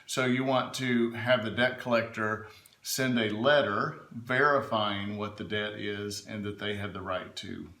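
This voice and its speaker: Male adviser, lowish forceful voice, emphatic explainer in a conversational interview, roomy sound. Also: fairly even intonation, unhurried. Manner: emphatic, checks in with "right?" and "okay?". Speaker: legal adviser being interviewed. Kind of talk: informal explanatory interview answers. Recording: echoey room.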